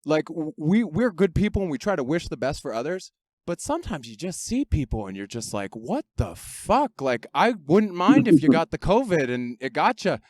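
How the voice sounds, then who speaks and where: A man's voice: fairly high pitch, big pitch swings, normal speed, a little mellow. A man hosting a podcast from his parked car, chatting casually with friendly bursts and fillers. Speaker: podcast host. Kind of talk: casual chat. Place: parked car in a grocery store lot.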